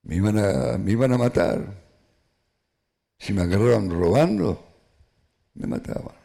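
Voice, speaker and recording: An older man gives halting personal testimony, full of restarts and quoted lines. His voice sits very low and carries a gravelly fry. The tone is dark and mellow. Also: lively intonation. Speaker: Holocaust survivor giving testimony.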